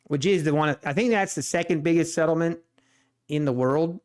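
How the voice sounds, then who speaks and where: A man from Ohio with a Swiss German accent chats casually on a day trading live stream, his voice a little high and a little mellow at a normal speed. He rambles through an exasperated rant, restarting and repeating himself plenty.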